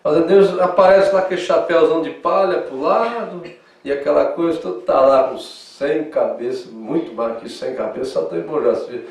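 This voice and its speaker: Male southern Brazilian pastor, fairly high voice, animated teaching, echoey church hall, far mic. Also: normal speed, vocal fry. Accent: southern Brazilian Portuguese. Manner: animated, swings from loud emphasis to soft asides; acts out quoted dialogue in lively voices. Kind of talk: Sunday school sermon.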